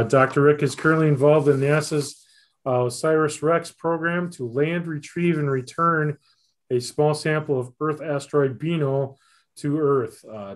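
A middle-aged man introducing a speaker on a video call from a small office, reading a bio with small slips and fillers. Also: fairly high pitch. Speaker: event host. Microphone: video call webcam.

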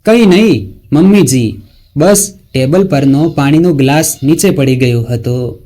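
A man's voice: fairly high pitch, expressive, unhurried, warm tone. A man voicing a frightened young wife who pleads in a timid voice, in a storybook narration. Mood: pleading. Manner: pleading, fearful.

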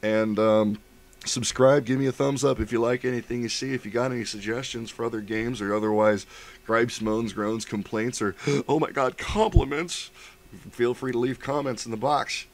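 A man in his thirties giving sarcastic, profane game commentary with a sick, rough voice. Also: medium pitch, steady tone, moderate pace. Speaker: let's play commentator. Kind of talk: gameplay commentary.

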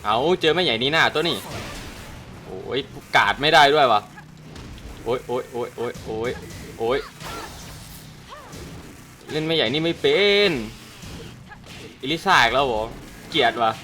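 A man commentating a fighting game as he plays, excitable, foul-mouthed and loud at the screen. His voice sits at an ordinary middle pitch. Game music plays faintly behind him. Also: a little slow, long pauses. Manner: excitable, swears a lot, shouts at the game. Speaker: gaming streamer. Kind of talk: gameplay commentary with Thai dubbing of cutscenes.

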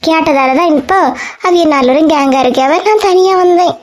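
A preachy, self-important village woman from a cartoon, voiced by a woman. She complains in a Kanyakumari Tamil accent, her voice high but a touch lower than the sweet girl beside her. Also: fairly quick, close to an everyday voice. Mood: self-righteous. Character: village woman Vasanthi, self-righteous and gossipy.

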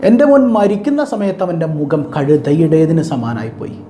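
A man with a Malabar Malayalam accent voicing a grieving mother in a retold story, in a hushed, sorrowful way. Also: on the high side, very animated, brisk, roomy sound, slight background noise, voice pushed down. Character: grieving mother whose son died.

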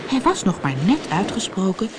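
A woman narrating a children's storybook in a lively, expressive reading. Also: mid-range voice, moderate pace, background noise.

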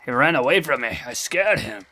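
A young man commenting live on his gameplay, talking to himself and getting excited. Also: mid-range voice, normal speed. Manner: excitable, talks to himself, swears and laughs.

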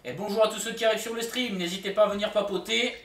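A man's voice: sits high, steady tone, racing, fairly bright tone, reverberant, far from the mic. A man streaming a shooter game, chatting casually with his viewers and joking in mock outrage. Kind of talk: casual live-stream commentary.

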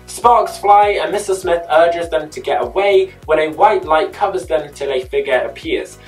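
Youtube host reading a recap script, chatty little asides, mic a bit far off, soft music under it. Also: medium pitch. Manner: chatty, adds personal asides. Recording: distant mic with faint music behind.

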